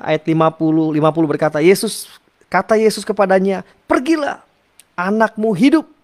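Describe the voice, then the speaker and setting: A male preacher reads scripture and preaches earnestly in a sermon, often turning to address his listeners directly. His voice is a little high and a little mellow.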